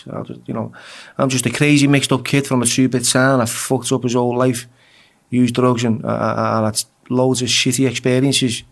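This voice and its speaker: This Englishman, a guest swapping rough prison tales in a relaxed interview, has a creaky voice of medium pitch. Swearing comes easily to him, and he stumbles over words, saying them twice.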